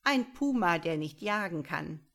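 A woman voicing a vain, cunning male quetzal bird in a storybook reading, shrill and theatrical. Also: measured pace. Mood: mocking. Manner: shrill and theatrical, scolding then wheedling.

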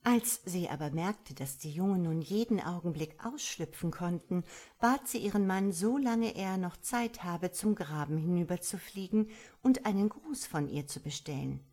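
A woman narrating a storybook in an expressive, unhurried way. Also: lowish voice. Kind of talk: storybook reading.

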